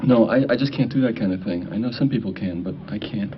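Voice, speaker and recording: An actor as a self-doubting male accompanist in an old TV drama, hesitant and low in pitch. The soundtrack is dull with faint noise. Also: quick pace, lightly acted. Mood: reluctant, anxious. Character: reluctant, self-doubting male choir accompanist named Seth. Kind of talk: 1980 television film acting.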